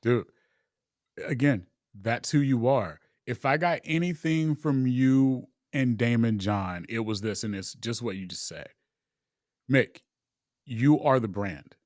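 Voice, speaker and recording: A man hosting a podcast, agreeable and quick to affirm his guest. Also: medium pitch, lively intonation, a little mellow, no room sound, studio quality. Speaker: podcast host. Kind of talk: casual interview talk.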